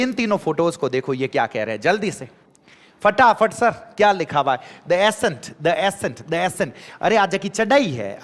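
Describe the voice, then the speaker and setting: Guy teaching exam vocab, kinda high voice, spells stuff out, long reverby hall. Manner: lively, spells words letter by letter, drills with repeated questions. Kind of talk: energetic vocabulary lesson.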